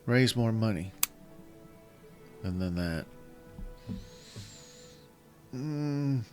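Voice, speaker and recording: A man with a slightly scratchy voice, casually commenting while he plays a strategy game and thinking aloud in halting, self-correcting phrases. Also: lowish voice, expressive. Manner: thinks aloud, halting, restarts mid-sentence. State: slightly scratchy voice from illness and yelling. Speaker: gaming channel host. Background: faint game music.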